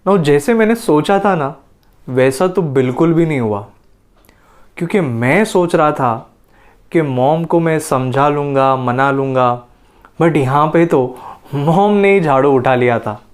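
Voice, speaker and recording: A man, a motivational speaker, telling a personal story in a playful, dramatic way, with mock stammers and sudden leaps in pitch.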